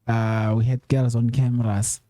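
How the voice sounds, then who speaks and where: A man's voice: mid-range voice, little pitch movement, moderate pace, warm tone, dry recording. A man hosting a casual chat show, asking questions in an easygoing, conversational way with plenty of fillers. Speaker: host.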